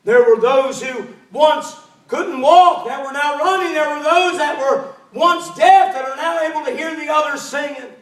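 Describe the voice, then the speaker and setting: High-voiced pastor telling a sermon story. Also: male voice, normal speed, hardly any pauses. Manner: animated, playful narration. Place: church sanctuary. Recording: echoey church, mic at a distance.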